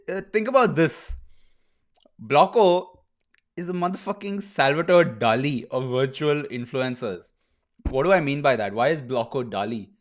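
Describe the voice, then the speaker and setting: Laid-back young man streaming, bro-heavy. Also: medium pitch. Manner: laughs often, peppers speech with "bro" and "dude". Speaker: streamer host. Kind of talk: casual livestream chat.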